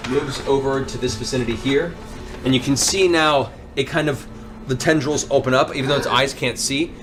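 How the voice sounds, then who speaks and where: A man acting as game master for a tabletop fantasy game narrates in a dramatic, descriptive storytelling style. His mid-range voice moves at normal speed, with music playing beneath it.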